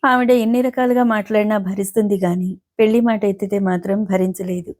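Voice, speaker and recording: Mellow-voiced woman narrating a story. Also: medium pitch, steady tone, a little fast. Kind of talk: audiobook narration of a novel.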